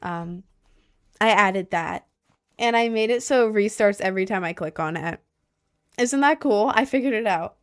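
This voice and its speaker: A young woman streaming from her desk at home, talking loosely and chattily to her viewers. She wanders from point to point, filling gaps with um and like, at an ordinary pitch for a woman. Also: unhurried, pauses often, smooth. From United States. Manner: rambling, chatty, fillers like um and like. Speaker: livestreamer. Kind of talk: casual stream chat.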